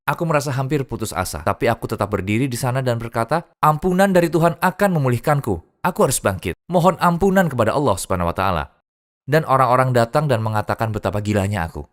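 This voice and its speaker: Man, low voice, quick pace, earnest dubbed testimony. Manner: earnest storytelling. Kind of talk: dubbed first-person testimony.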